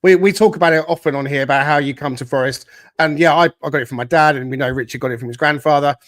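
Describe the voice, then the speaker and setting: A man's voice: on the high side, fast. A man hosting a podcast, upbeat and chatty, welcoming commenters and introducing his guest. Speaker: podcast host. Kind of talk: casual chat.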